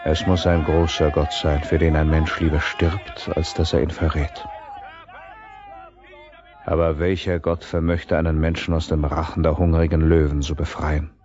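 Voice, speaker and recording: A man playing a weary, remorseful king with a husky voice in a radio play. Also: little pitch movement, moderate pace, lo-fi sound, crowd noise. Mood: grieving, heavy. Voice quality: very deep, husky. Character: weary, remorseful king of Babylon, torn and powerless.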